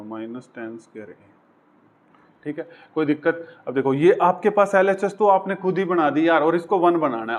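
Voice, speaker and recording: Chatty maths teacher, slightly high voice. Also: male voice. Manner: chatty, coaxing, voices the equations as characters. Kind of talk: whiteboard maths lesson.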